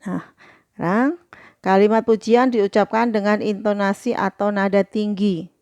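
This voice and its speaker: A patient woman teacher with a lilt talks young pupils through a workbook, one step at a time. Her voice sits at an ordinary middle pitch. It is recorded close and dry, with no room echo. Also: fairly even intonation, normal speed, darkish tone, clean tone. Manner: patient, explains step by step with frequent "nah". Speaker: primary school teacher. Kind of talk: recorded lesson walkthrough.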